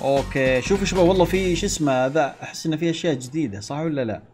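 A young man giving excitable gameplay commentary to his viewers and yelling at other players. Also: a little high, rapid-fire, husky, faint music behind. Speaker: gaming channel host. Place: at home playing on a console.

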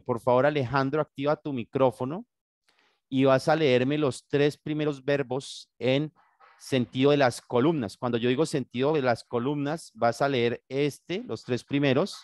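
A man's voice: mid-range voice, fairly even intonation, measured pace, dry recording, clean studio sound. A Colombian man teaching an English class over a video call in Spanish, patient and guiding, often checking in with his students. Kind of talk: online class, bilingual instruction. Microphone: computer mic on video call.

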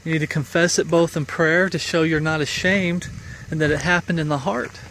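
A middle-aged street preacher rambles through an informal sermon while walking a foggy woodland trail, filmed on a phone camera held at arm's length. His voice is fairly high, fairly quick, and fairly bright with fairly even intonation, and he exhorts earnestly with fillers over a little hiss or hum.

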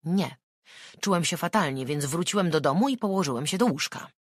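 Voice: medium pitch, expressive, a little fast, dry recording, studio quality, voice pushed up, close to an everyday voice. A narrator reading an audiobook and voicing a brusque, defiant suspect under interrogation. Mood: defensive. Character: defensive, indignant murder suspect.

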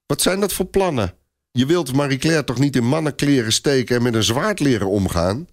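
A man's voice: medium pitch, lively intonation, normal speed, pitched above the performer's own voice, natural voice. A man voicing an anxious young herald in a read-aloud story. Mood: alarmed.

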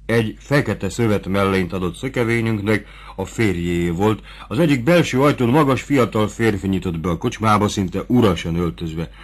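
A man narrating a classic novel as an audiobook in a measured, even manner. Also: on the low side.

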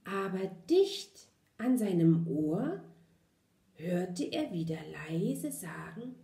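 Gentle German woman reading to children. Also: mid-range voice, very animated, takes it slowly. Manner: gentle, addresses children with questions. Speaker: kindergarten teacher reading aloud. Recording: roomy echo.

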